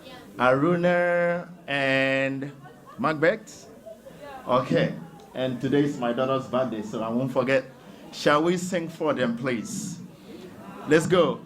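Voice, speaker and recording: A man's voice: mid-range voice, slow. A man hosting a graduation ceremony, speaking informally and getting the audience to sing. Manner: informal, leads the crowd in song. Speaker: ceremony host. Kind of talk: ceremony announcements. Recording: PA mic with loud crowd.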